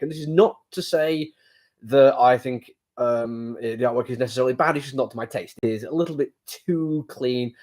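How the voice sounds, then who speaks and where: Reviewing a comic book in a relaxed way, this man sounds medium-pitched and darkish in tone. He's nursing a cold with a sore throat and stuffed sinuses, so his talk wanders and stalls with frequent fillers.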